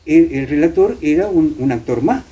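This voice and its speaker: A middle-aged or older Argentine man, once a radio actor, is being interviewed, explaining things and reminiscing. His voice is a little high, animated, and warm, at a moderate pace, and his phrasing is hesitant with frequent tag questions.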